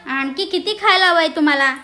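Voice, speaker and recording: A high-pitched young woman from Maharashtra, India, hosting a casual village vlog. She is chatty and familiar with her viewers. She cheers on and scolds her animals as she goes. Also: brisk, pushed and bright, a little hiss or hum. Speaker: vlogger.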